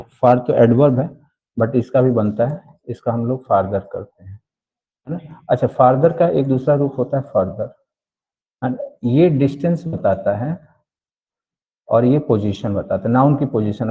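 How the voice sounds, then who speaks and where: A man's voice: mid-range voice, slightly rough. A man teaching English grammar in an online class, repeating key points and often checking that students follow. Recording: dull lo-fi recording.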